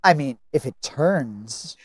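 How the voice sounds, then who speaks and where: A man serving as game master and narrating a tabletop game, deliberate and focused on the rules. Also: mid-range voice, animated, no echo, clean studio sound.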